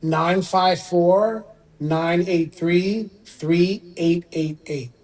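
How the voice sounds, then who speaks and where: A middle-aged man born in Iran, a surgeon speaking as a guest on a radio interview, explaining in a relaxed way with occasional fillers. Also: high voice, very slow, low-quality recording.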